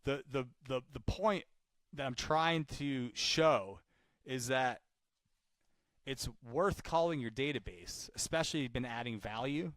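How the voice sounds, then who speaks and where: A sales caller and trainer demonstrates cold calls live and coaches along the way, chatting informally and repeating his points for emphasis. His voice is medium-pitched and a bit bright, and he speaks at a measured pace. The recording has no room sound.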